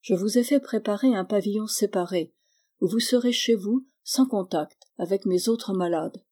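A woman reading the part of a calm, grave older doctor who speaks softly and measuredly. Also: medium pitch, normal speed, natural voice.

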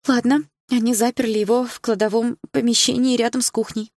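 A woman's voice: a little high, flat delivery, fairly quick, a little mellow, no echo, pitched above the performer's own voice. A woman reading an audiobook, voicing a frantic, tearful young woman who sobs and berates herself over the phone. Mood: shaky, frightened. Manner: sobbing, self-loathing, frantic.

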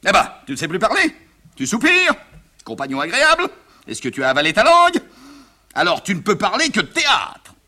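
A man voicing an exasperated middle-aged bourgeois father, who bursts out in shrill, indignant scolding in a one-man reading of a stage comedy. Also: sing-song, fast, bright, forceful tone, breathy edge, full character voice.

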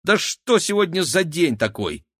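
A man voicing a quick-witted, teasing teenage girl in an audiobook, raising his voice high for her. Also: big pitch swings, husky. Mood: indignant. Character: quick-witted teenage girl, sharp-tongued twin sister. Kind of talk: audiobook character voice.

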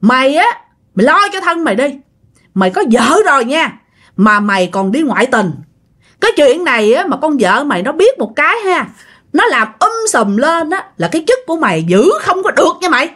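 A woman's voice: high voice, very animated, brisk, a bit bright, voice pushed up. A woman voicing a possessed young male soldier who snarls threats and insults in a ghost story. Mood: menacing.

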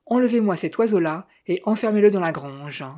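A woman's voice: mid-range voice, lively intonation, fairly quick, mellow, lightly acted. A woman voicing an impatient, commanding wealthy old man in an audiobook reading. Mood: brusque. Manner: brusque, commanding.

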